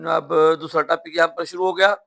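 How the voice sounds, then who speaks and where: A man's voice: fairly high pitch, level tone, brisk, creaky, bright, forceful tone. A man with a Pakistani accent, a teacher reading out a vocabulary lesson, giving each question and answer and then repeating each term with its meaning. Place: school classroom or study room.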